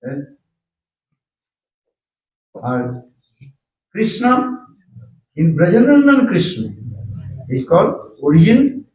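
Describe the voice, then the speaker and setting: A man giving an evening spiritual discourse in short halting phrases, pausing often for his interpreter and checking in with a questioning "eh?". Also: high voice, big pitch swings, darkish tone, recorded from a distance. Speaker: spiritual teacher. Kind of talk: evening discourse translated line by line. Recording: roomy sound, speaking from away from the mic.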